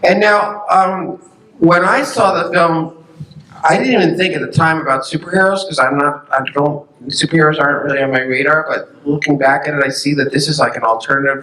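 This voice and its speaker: A chatty male moderator with a bright, slightly higher voice, leading a festival Q&A. He sounds distant, with a roomy echo around him. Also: moderate pace. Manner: inquisitive, chatty. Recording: echoey room, heard from a distance.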